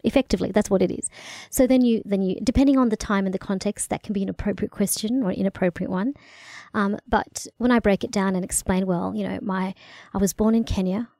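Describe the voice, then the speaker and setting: Creaky, mellow woman with a country Australian accent. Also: mid-range voice, fairly even intonation, fast talker, no echo. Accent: country Victorian Australian. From country Victoria, Australia. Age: middle-aged. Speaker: guest, cross-cultural consultant. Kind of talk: conversational interview answers.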